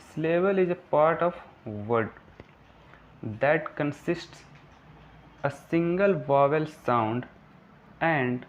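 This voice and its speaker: A man with an Indian English accent teaching a beginner English lesson in Hindi, spelling words letter by letter and slowing down to dictate definitions. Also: a little high. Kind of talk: classroom lesson explaining grammar. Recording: dull lo-fi recording with faint room noise.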